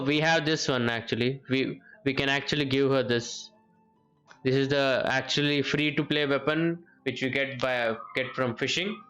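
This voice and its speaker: With game music in the background and a lo-fi sound, a male streamer offers casual live commentary on a game, thinking aloud and repeating phrases often. His pitch is medium and his tone fairly bright.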